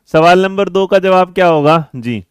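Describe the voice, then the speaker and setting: Brisk man teaching a live online class. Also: high-pitched, clear, resonant tone, no echo, clean studio sound. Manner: brisk, coaxing, calls students 'beta' and 'mere bachche'; reads and answers chat messages mid-lesson. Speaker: exam-prep teacher.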